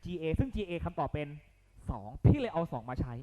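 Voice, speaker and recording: A man leads a math exam lesson in a casual, coaxing way, asking again and again whether students are keeping up. His voice sits a little high and moves up and down a lot. The sound carries a long, hall-like reverb. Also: a little fast. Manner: lively, coaxing, keeps checking the students follow; blunt and slangy at times. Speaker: math tutor.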